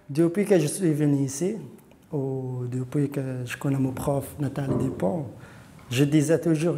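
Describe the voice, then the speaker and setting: A man from Iraq, an adult student speaking hesitantly and hopefully in an interview, with many pauses. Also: on the high side, dark tone, a little hiss or hum. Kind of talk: interview testimony.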